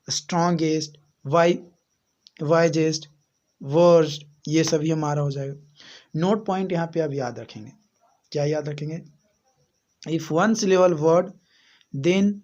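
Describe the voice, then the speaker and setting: A man with an Indian accent teaching an English grammar lesson. He explains slowly, repeats each rule and asks rhetorical questions. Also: fairly high pitch, darkish tone. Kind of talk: slow classroom explanation. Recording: muffled lo-fi recording.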